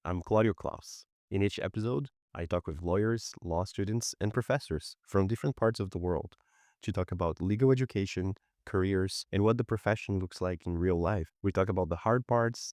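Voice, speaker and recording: A man hosting a podcast, reading its scripted opening in a steady, read-aloud way. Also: deep voice, normal speed, dry recording, studio quality. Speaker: podcast host. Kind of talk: scripted show intro.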